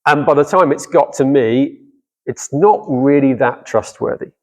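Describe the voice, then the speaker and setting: With a mid-range voice and a measured pace, a middle-aged man not from Cardiff delivers a guest talk on scripture to a church audience. He keeps it conversational, directing questions at the listeners.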